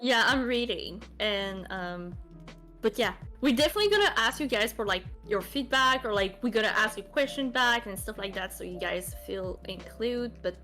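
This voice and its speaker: A woman's voice: medium pitch, animated, normal speed, sharp tone, soft background music. A woman with a Quebec French accent, French being her first language, co-hosting a casual streamed chat podcast, playful and swearing casually. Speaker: co-host streamer.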